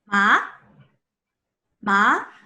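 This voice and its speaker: Lady saying words twice, super slow and clear, swoops up and down a lot on the tones. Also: medium pitch, very animated, sharp tone. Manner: each word said carefully twice, tones stressed. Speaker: pronunciation model. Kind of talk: slow pronunciation drill.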